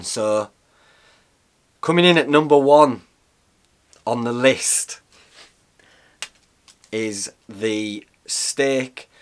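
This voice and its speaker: A man in his thirties talking casually to camera in a small cosy room, rambling and restarting his sentences. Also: fairly low pitch. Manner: chatty and rambling, with frequent restarts and fillers. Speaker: outdoor cooking vlogger.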